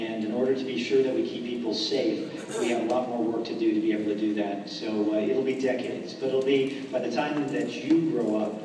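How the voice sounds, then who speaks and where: A man, an astronaut, answering students' questions in an earnest, measured way over a space station radio downlink. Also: medium pitch. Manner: earnest, measured, with frequent restarts. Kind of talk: casual explanatory answers. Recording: echoey, distant, noisy radio link.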